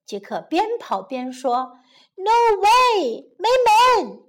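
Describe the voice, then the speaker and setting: A woman voicing a bold young boy in a children's storybook, speaking excitedly. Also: high voice, slow, full character voice.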